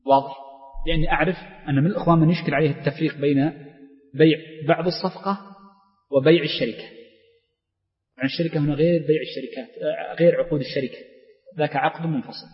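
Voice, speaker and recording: A man's voice: fairly high pitch, steady tone, quick pace, pauses often. A middle-aged man with a Saudi accent, teaching a jurisprudence class and explaining step by step while quizzing his students. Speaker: Islamic law teacher. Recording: dull reverberant lecture hall recording.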